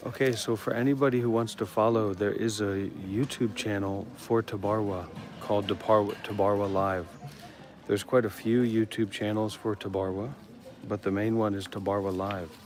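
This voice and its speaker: A man with a lowish, steady voice and normal pace talks earnestly and loosely on a live phone stream from a meditation center. He comes from Maryland, USA, and meanders between topics over a clearly noisy feed.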